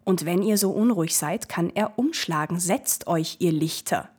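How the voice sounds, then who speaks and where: A woman's voice: fairly low pitch, moderate pace, a little mellow, husky. A woman doing a weary old ferryman. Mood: warning. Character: weary old male ferryman, patient but stern.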